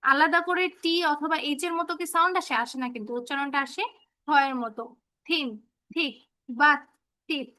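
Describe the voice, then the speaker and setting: A woman's voice: high voice, quick pace, pushed and bright, no echo. A woman teaching children English phonics in an online class, patiently repeating example words and checking that they follow.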